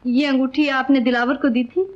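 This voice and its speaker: A woman's voice: high-pitched, fairly even intonation, moderate pace, natural voice. An actress playing a proud, wronged young woman in a 1940s film, with formal, dignified diction. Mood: wounded. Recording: dull old film soundtrack.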